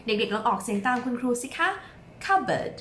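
Woman children's teacher: high voice, drawn-out bilingual coaxing, echoey room. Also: slight background noise. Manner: slow, drawn-out modelling of words for repetition; lively, sing-song coaxing of children. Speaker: English teacher for young children.

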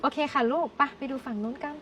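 A woman playing a gentle, polite young mother in a comedy skit, speaking softly and patiently. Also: fast talker, slight background noise, natural voice.

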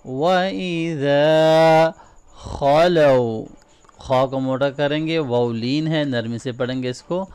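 A man teaching Quran recitation. He explains each rule quickly, then recites the words slowly and drawn out. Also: mid-range voice, steady tone, darkish tone, clear, resonant tone. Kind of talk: tajweed lesson, quick explanations between slow recitation.

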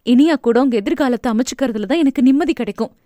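A cheerful, affectionate wife who coaxes and gently scolds in a raised, bright voice, as a woman reads her. The audiobook sound is close and dry. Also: high-pitched, fast, no echo, close to an everyday voice. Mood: coaxing.

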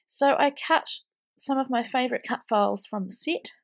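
Heavily pregnant and worn out, a woman in her thirties chats her way through a casual scrapbooking voice-over for her vlog. A cold has left her nose stuffed up and snuffly, and her high-sitting voice carries vocal fry at a normal speed. She rambles comfortably, filling gaps with ums.

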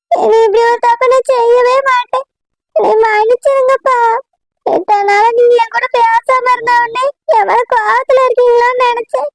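A woman voicing a young bride in a cartoon, sobbing and begging her father's forgiveness, with a Tirunelveli Tamil accent. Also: very high-pitched. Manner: sobbing, pleading apologies. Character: young bride, tearful and pleading.

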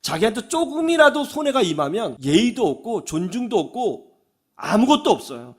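A male pastor giving a radio sermon, telling stories in an animated way and acting out the people he quotes. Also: high-pitched, normal speed, husky. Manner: animated storytelling, acts out quoted voices. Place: radio studio.

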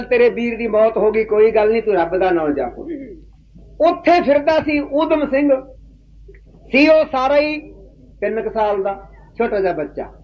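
High-voiced male storyteller, emphatic. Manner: emphatic, preachy, asks the listeners questions. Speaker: kavishari storyteller. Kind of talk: religious historical storytelling. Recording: dull lo-fi recording.

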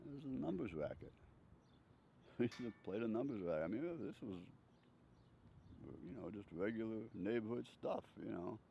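Older man, very deep gravelly voice, rambling chuckling anecdotes, slightly dull outdoor recording. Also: expressive, moderate pace, long pauses. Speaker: interviewee. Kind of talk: casual life-story storytelling. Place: outdoors on a bench. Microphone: handheld furry-windscreen mic held near chest. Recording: slightly dull sound, faint outdoor noise.

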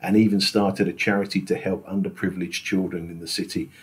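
A man narrating his travel vlog in a scripted voice-over, measured and unhurried. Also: low-pitched, level tone. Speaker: travel vlogger.

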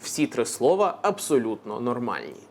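A man presenting a scripted language explainer, brisk and with playful asides. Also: medium pitch, very animated. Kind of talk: scripted educational narration.

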